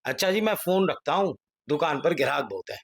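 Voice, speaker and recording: A man's voice: on the high side, animated, brisk, creaky. A man acting as a grocery shopkeeper in a drama, placating a customer in a wheedling, protesting manner. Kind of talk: Hindi family drama acting.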